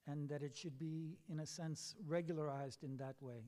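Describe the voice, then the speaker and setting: A man moderating a community panel from the bima, relaxed and joking. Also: fairly high pitch, moderate pace. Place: synagogue sanctuary. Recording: long hall reverb.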